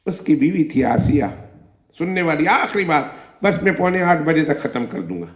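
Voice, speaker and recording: A man's voice: fairly high pitch, expressive. A male preacher telling a story in a sermon, dramatic and emotional, stressing his words by repeating them. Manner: dramatic, emotional, repetitive emphasis. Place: mosque hall. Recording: echoey mosque hall.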